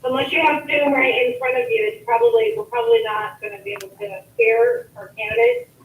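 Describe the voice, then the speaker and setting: A woman with a high, lively voice calls into a board meeting and explains things in a chatty way, with restarts. Her audio comes through a video call played in the room, so it sounds distant and echoey, with a faint hiss. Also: fairly quick, vocal fry, phone-quality sound. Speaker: board member joining remotely. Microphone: video call played through a room speaker.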